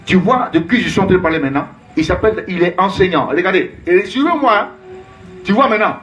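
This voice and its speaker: A man's voice: sits high, animated, quick pace, fairly bright tone, highs cut off. A man preaching as a prophet, emphatic and repetitive, calling out names and Alléluia in call-and-response.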